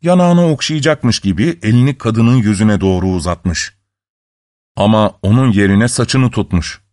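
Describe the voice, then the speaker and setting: A man narrating a fairy tale in an expressive, dramatic storytelling manner. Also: fairly low pitch, unhurried.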